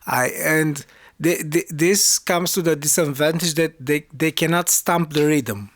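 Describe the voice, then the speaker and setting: Halting man co-host, dry close sound. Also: a little high, no echo. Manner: halting, restarts phrases. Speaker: podcast co-host, music teacher. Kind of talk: casual conversational podcast chat.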